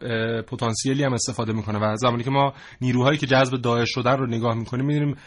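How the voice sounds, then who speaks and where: A man hosting a studio discussion, speaking haltingly with many pauses. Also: mid-range voice, fairly even intonation. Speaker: host.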